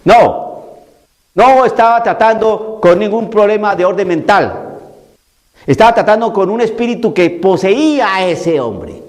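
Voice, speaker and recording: Male preacher, sermon, high pitch, emphatic, repetitive, mocking caricature. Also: expressive, measured pace.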